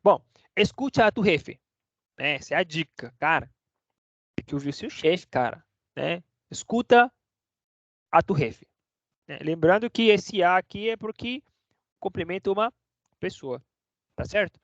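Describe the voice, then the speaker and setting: A man's voice: sits high, lively intonation, measured pace, pauses often, a bit bright, dry recording. A man teaching a casual online lesson, chatty, checking in with the class every few words. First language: Portuguese. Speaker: Spanish teacher. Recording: dry, dull lo-fi sound.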